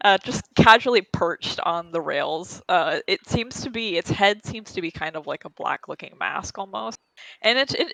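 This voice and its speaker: Brief: hesitant tabletop player, bright and sharp tone, dry close sound. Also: mid-range voice, gravelly, no room sound, low-quality recording. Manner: hesitant, apologetic, fillers. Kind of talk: describing a scene in a tabletop game.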